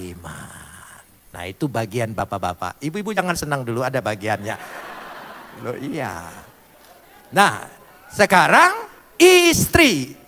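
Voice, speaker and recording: A male pastor preaching a sermon in a playful, lively way, with wordplay and questions thrown to the congregation. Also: sits high, big-room sound.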